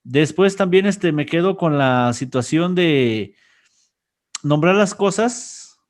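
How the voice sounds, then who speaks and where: A man with a somewhat high voice hosts a podcast conversation. He thinks out loud and often tags his points with a questioning aside. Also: animated, slow pace. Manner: reflective, talks in asides ending in "¿no?". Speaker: podcast host.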